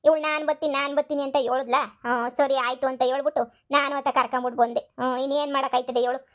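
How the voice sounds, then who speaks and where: Woman playing a middle-aged cartoon village mum, fast, high, gossipy. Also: close to an everyday voice. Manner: gossipy, excuse-making.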